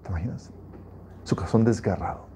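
A man's voice: fairly low pitch, fairly quick, dark tone, slight background noise. A man preaching a sermon as a pastor, reading scripture aloud and speaking emphatically, often restarting his phrases.

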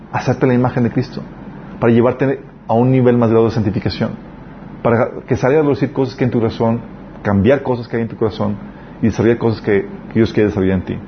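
A man's voice: medium pitch, steady tone, fast talker, slight background noise. A man preaching a sermon in an earnest, conversational way, telling personal stories. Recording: dull lo-fi recording.

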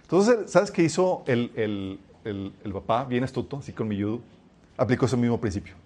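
A man's voice: mid-range voice, moderate pace. A young man preaching a sermon, telling stories and calling his listeners "chicos". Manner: addresses listeners as "chicos", lively storytelling.

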